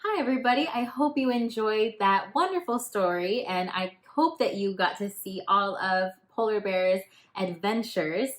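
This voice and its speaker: At a moderate pace and with few pauses, a woman with a mid-range voice reads a storybook to young children. As their teacher, she talks to them kindly and encouragingly in plain, simple language.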